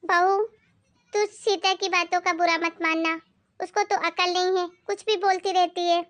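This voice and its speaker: A woman voicing a patient, doting older mother-in-law in an animated family skit, speaking in a soothing way. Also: extremely high pitch, normal speed. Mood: gentle. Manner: soothing, calming her angry daughter.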